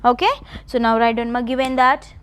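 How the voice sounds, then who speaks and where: A woman college math lecturer, dictating notes slowly and repeating phrases, often checking with the class. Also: fairly high pitch, fairly even intonation, a bit bright, clean tone. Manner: repetitive, slow dictation with checking questions.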